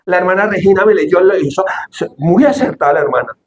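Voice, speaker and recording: Animated pastor preaching in an echoey hall. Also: male voice, high voice, fairly quick, slight background noise. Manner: animated, shouts quoted lines, asks the congregation questions. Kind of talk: sermon. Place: church hall.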